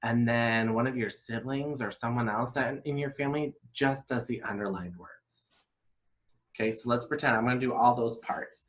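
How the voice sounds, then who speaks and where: A man, an elementary school teacher, giving a playful, animated video lesson to young children. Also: mid-range voice, moderate pace. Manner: animated, upbeat, playfully exaggerated.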